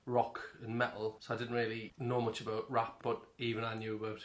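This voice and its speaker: Very deep-voiced Sunderland woman chatting. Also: completely flat delivery, fairly quick. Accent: Sunderland, north-east England. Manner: joking, wry interjections. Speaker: podcast co-host. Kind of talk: casual chat.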